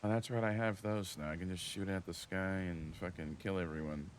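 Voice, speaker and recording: A man streaming a video game, talking casually in a profane, excitable, exasperated way. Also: deep voice, brisk, slight background noise. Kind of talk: casual gaming commentary.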